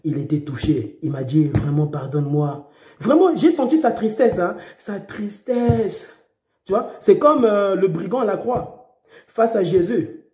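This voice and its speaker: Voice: mid-range voice, very animated, a little slow, warm tone, roomy sound. A preacher delivering an impassioned sermon, repeating phrases and breaking into dramatic cries.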